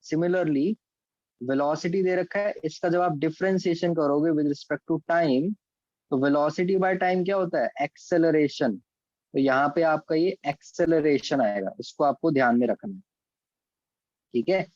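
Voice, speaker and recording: A man's voice: fairly high pitch, a little slow, darkish tone, dry recording, muffled recording. A man with an Indian accent teaching calculus step by step in an online class. He mixes English terms into his Hindi explanations and checks in with students by name. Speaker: physics and maths teacher.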